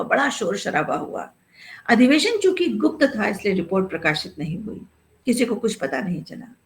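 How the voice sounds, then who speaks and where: Female storyteller, dramatic expressive reading, mid pitch. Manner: expressive, lively delivery.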